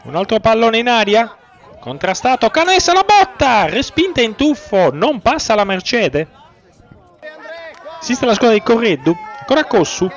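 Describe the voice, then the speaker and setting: A man giving excitable sports commentary on a youth football match as its commentator. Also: sits high, normal speed. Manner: excitable, swells on chances and goals. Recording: dull lo-fi audio, faint music.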